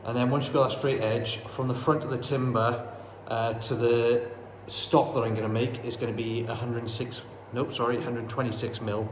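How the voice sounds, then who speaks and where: Indoors in a bungalow room under renovation, a man who is a carpenter and builder explains his work step by step for a casual DIY vlog, keeping it practical as he goes. His mid-range voice shows little pitch movement and keeps a moderate pace. He uses a phone held while working; the bare room is echoey, with faint noise.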